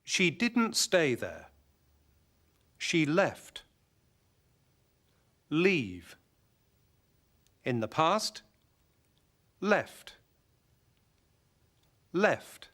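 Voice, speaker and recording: A male presenter of a language lesson, speaking very slowly with a lively, varied pitch. His voice sits a bit high and he drills words one by one. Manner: clear, deliberate word-by-word drilling. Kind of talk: scripted teaching narration.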